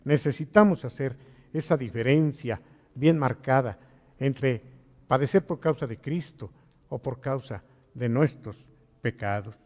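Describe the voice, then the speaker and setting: A man leading a Bible study as a pastor, swinging between quiet low phrases and loud emphatic exhortations. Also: long reverb tail. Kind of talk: sermon-style Bible study.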